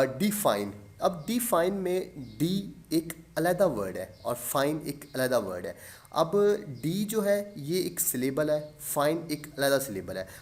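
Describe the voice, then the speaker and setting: Patient male teacher, slightly high voice. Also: a little mellow. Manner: explains patiently with frequent fillers and repetition; mixes English terms into his speech. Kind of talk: lecture explaining poetic meter.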